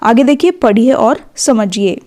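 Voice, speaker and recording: A woman leads a children's phonics lesson in an unhurried, patient way. She stretches each syllable and speaks gently to her young pupils. Her voice sits slightly high. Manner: slow, drawn-out syllable-by-syllable reading. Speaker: teacher.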